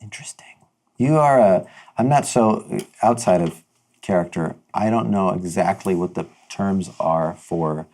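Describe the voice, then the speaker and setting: A man's voice: low-pitched, a little slow, darkish tone. A man playing a tabletop game, thinking aloud in a hesitant way. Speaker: player.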